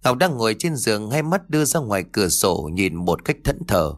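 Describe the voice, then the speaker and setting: A man's voice: lowish voice, big pitch swings, brisk. Man narrating a serialized audiobook story. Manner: reads every character himself, shifting tone for each. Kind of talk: scripted story narration with voiced dialogue.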